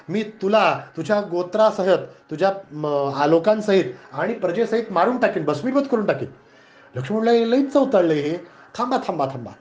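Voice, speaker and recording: A man with a Marathi accent giving a devotional discourse, chanting verses slowly and then retelling the story in lively, joking everyday talk. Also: a little high. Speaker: spiritual discourse speaker. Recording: dull lo-fi recording.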